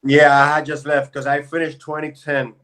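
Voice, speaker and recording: Flat-voiced man from Puerto Rico. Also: a little high, normal speed. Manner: laid-back, relaxed storytelling with fillers. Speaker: guest, pro basketball player. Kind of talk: casual interview chat.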